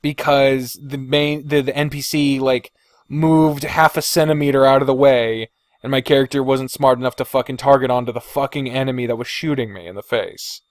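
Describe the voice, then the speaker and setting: This man talks at a normal speed in a medium, steady voice, recorded in studio quality with no echo. Hosting a podcast, he offers casual, opinionated takes on video games, griping bluntly and swearing a lot.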